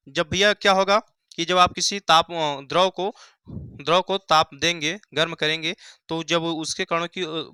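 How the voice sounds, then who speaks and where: A man's voice: on the high side, bright, forceful tone, clear, resonant tone, no echo. A young man teaching a Hindi science lesson at a board, who asks the class questions and answers them himself, repeating key phrases. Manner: repeats key phrases, calls students "bhaiya" and "mere bhai".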